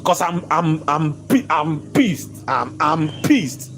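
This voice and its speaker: A shop owner vlogging from inside his own shop rants in a voice gone hoarse, repeating himself emphatically, stumbling into restarts, and breaking into bursts of laughter. His voice is a little high and fairly bright, with lively intonation and a slow pace, against slight background noise.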